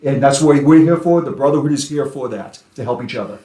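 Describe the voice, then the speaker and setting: A man with a Boston accent talks as an interview guest, and he presses his points by repeating words. His voice sits at a middle pitch. It carries a roomy echo. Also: a little fast, mellow. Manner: emphatic, repeats words for stress. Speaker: guest speaker on officer suicide. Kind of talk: casual interview talk.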